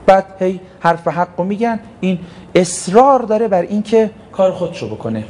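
A man's voice: high-pitched, expressive, a little mellow, slight background noise. A man preaching a sermon, emphatic, asking rhetorical questions and answering them himself. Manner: storytelling preacher who acts out short quotes. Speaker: cleric preacher.

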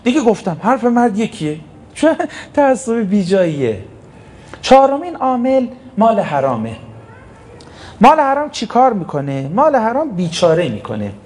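A man's voice: high voice, big pitch swings, darkish tone. A man preaching a sermon, emphatic, asking rhetorical questions and answering them himself. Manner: storytelling preacher who acts out short quotes. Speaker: cleric preacher.

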